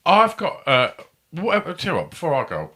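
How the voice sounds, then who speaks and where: A man's voice: fairly high pitch, wildly swooping pitch, normal speed, pushed and bright. A man co-hosting a comedy podcast, telling rambling, sweary anecdotes. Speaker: podcast co-host. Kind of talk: casual comedic storytelling.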